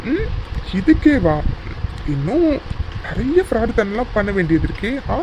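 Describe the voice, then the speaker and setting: Guy doing a young lover in a cartoon, high voice, earnest and sweet, a bit of faint noise behind. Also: very animated, normal speed. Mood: teasing. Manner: earnest, affectionate, teasing. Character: young man, devoted lover, formerly grumpy. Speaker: narrating voice actor. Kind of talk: cartoon voice acting.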